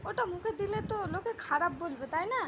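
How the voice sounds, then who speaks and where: A woman coaxing and teasing a baby in a high singsong voice at home. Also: animated, quick pace, noisy background. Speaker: parent talking to a baby. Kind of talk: baby talk.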